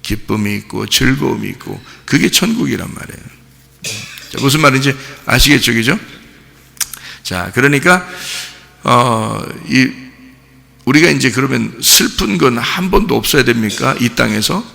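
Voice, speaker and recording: Gravelly pastor preaching in a reverberant hall. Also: male voice, mid-range voice, expressive, moderate pace, bright, forceful tone. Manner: keeps asking the congregation questions; emphatic, repeats key words. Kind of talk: early-morning sermon. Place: church sanctuary. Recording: long church-hall reverb.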